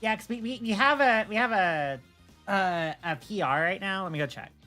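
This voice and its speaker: Over soft background music, a woman livestreams in a relaxed, chatty way, frequently stumbling and repeating words as she explains. She streams and admins a game server, and her mid-range voice has a sharp tone and a moderate pace.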